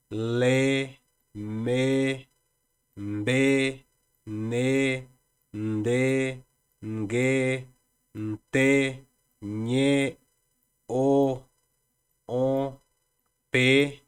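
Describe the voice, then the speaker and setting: Slow, patient male language teacher. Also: medium pitch. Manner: patient, repeats letters and sounds aloud. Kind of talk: slow explanatory online lesson.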